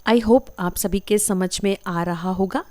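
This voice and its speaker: A woman's voice: mid-range voice, takes it slowly, darkish tone. A woman, teaching a vocabulary lesson as a voice-over for slides, patiently saying each term and repeating it with care. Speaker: English teacher. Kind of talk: slow explanatory lesson.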